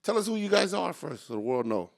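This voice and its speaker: A man's voice: high-pitched, big pitch swings, fast talker, creaky. A man hosting a casual interview podcast, upbeat and joking with his guests. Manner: upbeat, joking, shout-outs. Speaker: podcast host.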